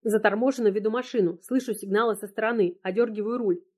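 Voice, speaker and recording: A woman's voice: mid-range voice, fast talker, a little mellow. A woman narrating an emotional first-person story in an audiobook, with tense storytelling.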